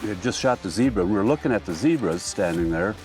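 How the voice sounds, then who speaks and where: A man recounting his shot on a hunt in a calm, plain way. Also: fairly low pitch, quick pace, far from the mic, over music. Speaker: hunting client. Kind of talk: casual hunting show talk.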